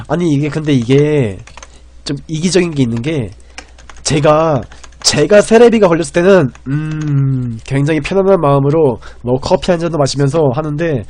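Man, game streamer, fairly high voice, excitable, rambling, loud bursts then mutters, keyboard clatter behind. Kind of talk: live game commentary.

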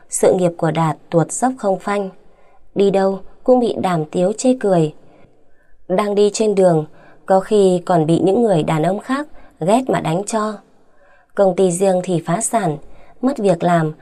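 A woman narrating a dramatic audio story with a steady, even delivery. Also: lowish voice, measured pace.

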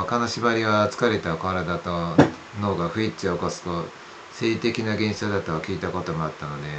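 Male ghost-story reader, low register, measured and formal delivery, faint noise behind. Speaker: amateur ghost story narrator. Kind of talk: scripted ghost story narration, reading aloud. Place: small dark room indoors. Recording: faint background room noise.

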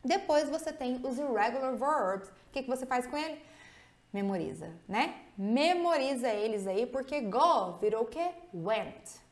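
A woman from Brazil teaching English grammar in a lively online lesson, often asking the viewer questions, with a Brazilian Portuguese accent. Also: high voice, a little slow.

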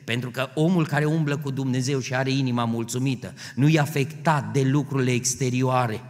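A man preaching a sermon in a church. He moves from quiet storytelling to loud, impassioned peaks. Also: medium pitch, fairly even intonation. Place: church sanctuary. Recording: long church hall reverb.

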